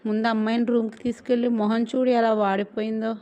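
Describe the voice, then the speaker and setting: A woman's voice: fairly high pitch, flat delivery, fast, dark tone, clear, resonant tone, close to an everyday voice. A woman reading a story aloud, voicing a middle-aged mother who scolds her son fondly. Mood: scolding.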